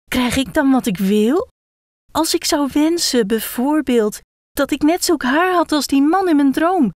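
A woman's voice: on the high side, slow pace, dry recording, clean studio sound, full character voice. A woman voicing a talking bald head of a young man, bookish and full of eager questions. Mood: excited. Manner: excited, tumbling questions.

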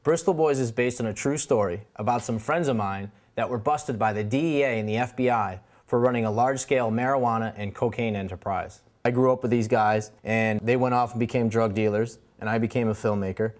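A man's voice: medium pitch, brisk, few pauses. A man in his thirties answering as an interviewed film director, conversational and matter-of-fact. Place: indoor room, seated on a couch.

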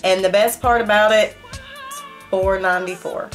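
With faint music in the background, a stuffy-nosed middle-aged beauty vlogger chats emphatically to camera about makeup, her medium-pitched voice steady and moderately paced. She sits in a small room at home, speaking straight to viewers while the camera faces her from desk distance.

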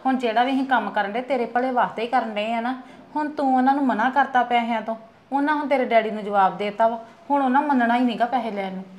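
A woman's voice: a little high, fast, darkish tone, lightly acted. A woman playing a worried middle-aged village mother who lectures her son. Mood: chiding. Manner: chiding, lecturing. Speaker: actor. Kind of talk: family drama skit.

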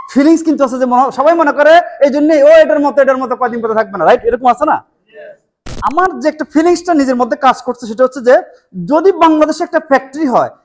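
A man in his forties from Bangladesh with a Bangladeshi Bengali accent, giving an animated motivational seminar in a meeting room on a lapel mic, full of rhetorical questions. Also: very high voice. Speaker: motivational speaker.

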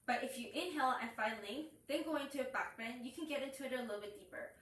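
A young woman leads a yoga class in a small indoor room with curtains and a yoga mat, her slightly high, fairly bright voice caught by a far-off camera with clear room echo. She talks fast, explaining each point and stopping to cue inhales and exhales as she demonstrates poses. There's slight background noise.

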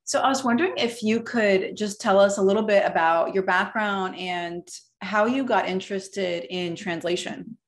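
A woman's voice: medium pitch, normal speed, few pauses. Upbeat woman hosting an interview. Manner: upbeat, chatty. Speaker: host, interviewer. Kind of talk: video intro and interview. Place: indoor room.

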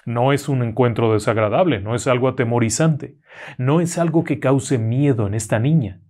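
A man narrating a horror story in a slow, dramatic way. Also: medium pitch, a little mellow.

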